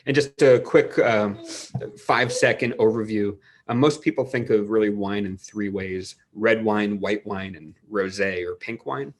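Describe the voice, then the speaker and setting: A man in his forties from New England, a winemaker guest in a casual video-call interview, explaining things with enthusiastic, rambling restarts. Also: lowish voice. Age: 40s.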